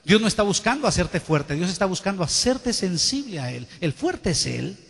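A man's voice: high-pitched, very animated, normal speed, creaky, breathy edge. A man preaching a sermon with fervor, calling out to the congregation and having them repeat his words. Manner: fervent preaching with call-and-response to the congregation. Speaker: pastor. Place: large church hall. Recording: long church-hall reverb.

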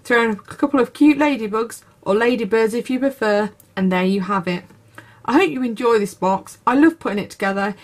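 A woman's voice: fairly high pitch, fairly quick. A woman, narrating a craft unboxing video with gushing enthusiasm. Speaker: craft YouTuber. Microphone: camera over tabletop, speaker off screen.

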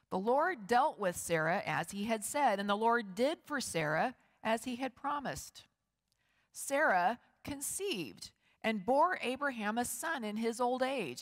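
A middle-aged woman pastor with an average-pitched voice gives a scripture reading and sermon in a measured, expressive way, with slow, emphatic pauses. She's in a large wood-paneled church sanctuary with long reverb, picked up by lectern and stand microphones and a far camera.

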